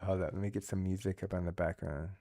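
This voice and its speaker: Playing mobile multiplayer games, this gaming channel host rambles casually, thinking out loud with plenty of restarts. He has a low-pitched, mellow voice, a steady tone, and a quick pace.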